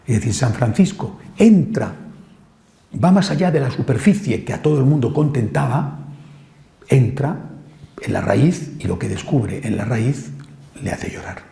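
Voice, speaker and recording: A man, a priest, giving a sermon-style teaching, impassioned, rising on repeated phrases and dropping low and quiet for emphasis. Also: expressive, measured pace, creaky. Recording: echoey room.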